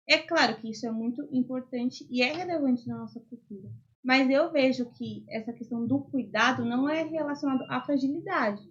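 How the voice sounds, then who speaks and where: High-voiced Brazilian woman in earnest chat. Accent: Brazilian Portuguese. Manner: earnest, explains with many fillers. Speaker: podcast guest. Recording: dull lo-fi audio.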